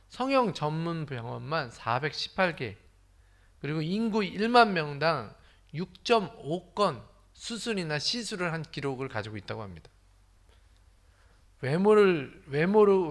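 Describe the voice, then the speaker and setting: A middle-aged man from Incheon preaching a sermon as pastor, telling humorous stories and acting out the voices and dialects of the people he quotes. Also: a little high. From Incheon, South Korea.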